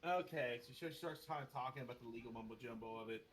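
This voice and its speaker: A man's voice: mid-range voice, very fast, fairly bright tone. A man narrating as game master of a tabletop game, loose and chatty, swearing casually.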